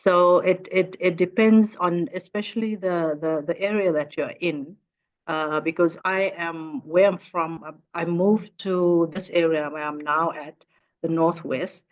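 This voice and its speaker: A South African teacher in her fifties from the Northern Cape, a native Afrikaans speaker, talks casually as an interview guest, often repeating words while searching for phrasing. Her voice is lowish, steady and a little slow, heard through dull lo-fi audio.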